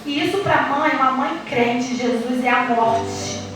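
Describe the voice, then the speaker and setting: A woman's voice: high-pitched, a little slow, music in the background. A middle-aged woman pastor with a Brazilian Portuguese accent, preaching a sermon passionately and emphatically, stretching and half-singing her phrases. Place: large church hall. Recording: echoey church hall, mic at a distance.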